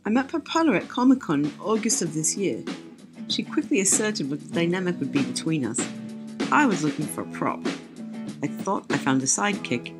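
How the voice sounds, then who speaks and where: Woman narrating with lively pitch over guitar. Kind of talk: scripted narration, personal storytelling. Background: guitar music.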